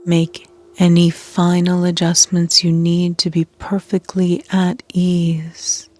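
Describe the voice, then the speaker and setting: Leading a yoga nidra session, this woman speaks softly and calmly, her breathy tone nearly a whisper, with long silences between phrases. Her pitch is fairly low and her delivery completely flat, over soft background music.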